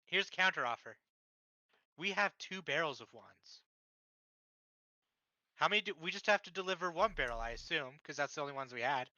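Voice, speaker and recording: A man with a bright, slightly high voice plots out schemes in character at a tabletop game. The sound is dry and a little dull, like a lo-fi mic. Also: expressive, normal speed, pauses often, no echo. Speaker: player. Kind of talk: in-character tabletop role-play.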